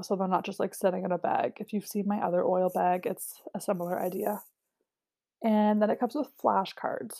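A young woman talks her viewers through a product kit in an easygoing, chatty way, with many little fillers along the way. Her voice sits in an ordinary middle pitch but carries a gravelly fry and a dark, mellow color. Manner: chatty, filler-heavy, lists prices. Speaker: essential oil seller. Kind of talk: casual product walkthrough.

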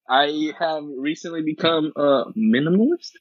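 A man's voice: a little high, animated, slow. A man co-hosting a casual podcast over an online call, easygoing and hesitant. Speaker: podcast co-host. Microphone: voice chat over an online call. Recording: dull lo-fi mic.

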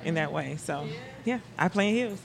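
A woman's voice: deep voice, animated, moderate pace, gravelly, a crowd in the background. A woman with a country Southern US accent, chatting casually as a drummer and podcast guest. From Alabama, United States. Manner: country-sounding way of talking. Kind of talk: casual chat.

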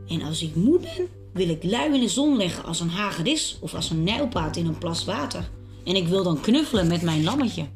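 A woman voicing a playful young child. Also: on the low side. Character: playful young child comparing himself to animals.

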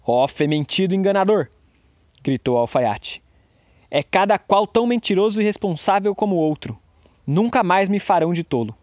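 A man voicing an older, hot-tempered tailor who shouts indignantly. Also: mid-range voice, expressive, normal speed, no echo, studio quality, natural voice. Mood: furious.

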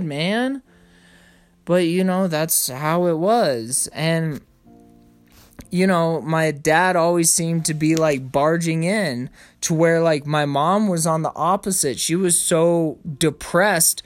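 A young man with a higher-pitched voice speaks slowly in a casual, blunt monologue about his own life, with no echo and soft music playing behind him. Swearing freely, he rants about family frustrations and mimics his parents in raised voices.

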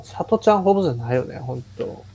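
A man in his forties with a Kansai accent who chimes in quickly from the side. His mellow voice moves up and down a lot as he talks. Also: high voice, animated. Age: 40s. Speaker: podcast co-host. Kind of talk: casual chat among old friends.

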